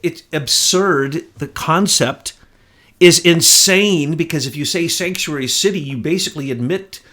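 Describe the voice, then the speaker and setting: A man co-hosting a political talk show, speaking in an indignant, emphatic way that rises to near shouts. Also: on the high side, moderate pace. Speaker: podcast co-host. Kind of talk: heated political commentary.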